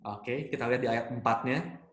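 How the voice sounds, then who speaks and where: A man's voice: medium pitch, moderate pace. A man preaching a sermon as pastor, earnest and mixing in English phrases. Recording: roomy echo.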